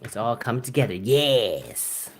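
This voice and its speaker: This Canadian live-streaming artist talks slowly in a medium-pitched voice with big pitch swings. He rambles casually to viewers as he paints, full of fillers and little chuckles.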